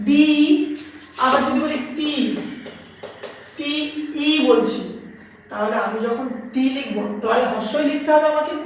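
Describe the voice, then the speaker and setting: A high-voiced woman teaches a grammar lesson, repeating each point and asking questions as she explains. She sits back from the mic, and her voice rings around a very echoey room. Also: distant mic, a little hiss or hum.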